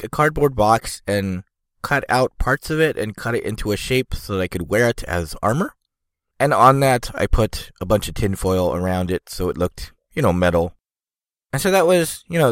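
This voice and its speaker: A stuffed-up, congested man with a low voice rambles through a casual podcast monologue as host, drifting meanderingly and packing it with "you know" and "like." The sound is dry, without room echo.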